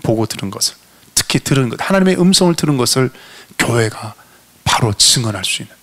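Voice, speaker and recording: A male senior pastor preaching fervently, asking rhetorical questions and swinging between loud, high appeals and low, quiet asides in a church. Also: expressive, quick pace. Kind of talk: sermon. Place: church sanctuary.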